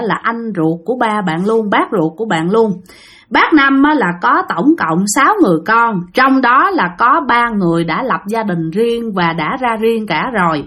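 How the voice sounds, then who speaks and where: Woman, Southern Vietnamese accent, chatty ghost-story storyteller, high voice, very animated intonation. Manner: chatty, addresses listeners directly. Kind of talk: spoken ghost story narration.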